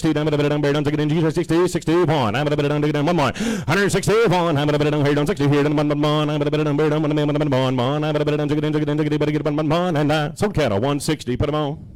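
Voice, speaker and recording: A man's voice: a little high, clean tone. A man calling a live cattle auction in an auctioneer's rhythmic chant, repeating numbers and filler words into a close microphone. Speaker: livestock auctioneer. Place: indoor livestock auction ring. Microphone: stand microphone, close to mouth.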